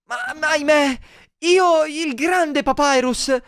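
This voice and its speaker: A man voicing a boastful, loud male skeleton from a video game, with grandiose, theatrical delivery. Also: very high-pitched, slow pace, pitched above the performer's own voice, full character voice. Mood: flustered.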